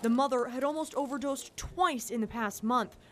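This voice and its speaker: A woman reading a scripted news voice-over in a measured tone. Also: fairly high pitch, crowd noise. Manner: measured narration. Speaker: reporter.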